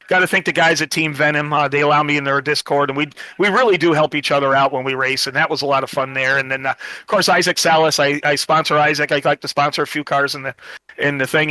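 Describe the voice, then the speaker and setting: A man's voice: on the high side, bright, forceful tone, no echo. A man giving a post-race interview as the winning driver, rambling and thankful with lots of fillers. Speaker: winning sim racing driver.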